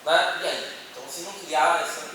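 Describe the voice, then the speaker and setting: Speaking a little fast in a high-leaning voice, a man on a church panel addresses an audience in a meeting hall. His talk is conversational and full of tag questions, with a Brazilian Portuguese accent. Though he uses a handheld microphone, he's far from it, and the hall is echoey and noisy.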